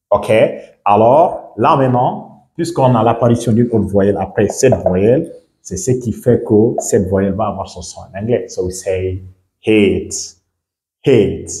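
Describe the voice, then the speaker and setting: A man from Guinea teaching a lesson, repeating each word slowly and often asking whether the listener understands. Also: lowish voice, warm tone, reverberant. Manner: repeats words slowly, checks understanding with questions. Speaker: English teacher. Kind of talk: bilingual classroom lesson.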